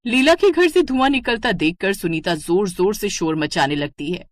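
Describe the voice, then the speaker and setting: A woman's voice: mid-range voice, normal speed, no room sound. A woman narrating a cartoon moral story. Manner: steady storytelling.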